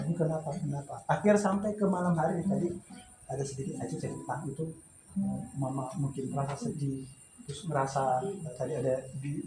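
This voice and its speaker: A man's voice: on the high side, mellow, echoey room, rough recording. A man preaching at a home memorial service, telling his story in a loose, conversational way, often restarting and laughing. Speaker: pastor.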